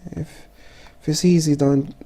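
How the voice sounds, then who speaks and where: A man with a stuffy, congested voice narrating a casual photo-editing tutorial as he works, halting and thinking aloud. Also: fairly high pitch, fairly even intonation, warm tone. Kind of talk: casual software tutorial voice-over.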